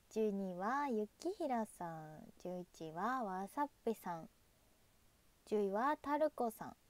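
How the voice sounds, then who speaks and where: Young woman, casual livestream chat, thanks viewers, fairly high voice. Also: dry recording. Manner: chatty, reads viewer names and thanks them, waves goodbye. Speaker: idol livestreamer.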